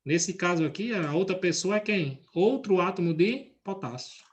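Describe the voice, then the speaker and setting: A man's voice: high voice, animated, moderate pace, muffled recording. A male chemistry teacher, speaking from his computer during a class. He often stops to check in with students and ask questions. He explains ideas through everyday comparisons. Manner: checks in with students by name and asks frequent questions.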